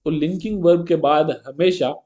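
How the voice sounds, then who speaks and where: A man's voice: fairly high pitch, steady tone, dark tone, lo-fi sound. Man teaching grammar with a lilt. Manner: explains step by step and keeps checking with a rhetorical "है ना"; reads English example sentences slowly and carefully. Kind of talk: exam-prep grammar lesson.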